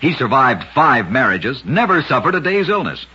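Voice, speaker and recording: On a dull, lo-fi vintage radio recording, an American-accented male host reads scripted narration of short true oddities with storyteller drama. His mid-range voice is husky, bright, and forceful, very animated but at a normal speed.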